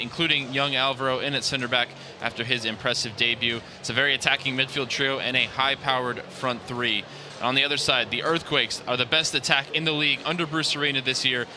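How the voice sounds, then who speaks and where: A man calling a soccer match as the radio play-by-play announcer, delivering lineups and statistics in a brisk, polished way from a stadium booth. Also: mid-range voice. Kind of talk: radio sports broadcast.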